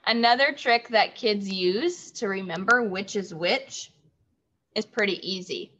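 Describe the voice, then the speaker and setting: A woman teaching third graders in an online lesson, speaking slowly and clearly and repeating key words for the children. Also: medium pitch, fairly bright tone. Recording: dull lo-fi audio.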